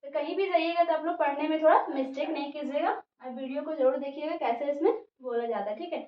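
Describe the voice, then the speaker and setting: High-voiced woman teacher in an echoey room. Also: quick pace. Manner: spells words out letter by letter, repeats "theek hai" often. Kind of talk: English spelling and pronunciation lesson. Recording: muffled, echoey room, voice from a distance.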